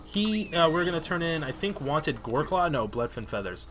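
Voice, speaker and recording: A man's voice: on the high side, sing-song, normal speed, a bit bright, a little hiss or hum. A young man casually commenting on his gameplay, chatty and joking, swearing freely. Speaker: gaming host.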